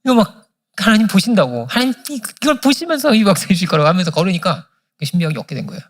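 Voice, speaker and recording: A man's voice: high-pitched, big pitch swings, rapid-fire. A male pastor preaching a sermon at a church service, telling a story and acting out the prayers in it. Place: church sanctuary.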